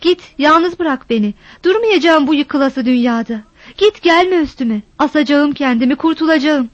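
A woman's voice: sits high, lively intonation, normal speed, no echo. A woman voicing a desperate, defiant young village woman who cries out, in a dull, dry recording.

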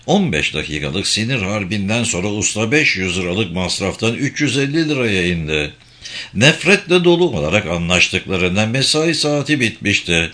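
A man narrating a crime novel as an audiobook, in a measured, expressive reading. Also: on the low side.

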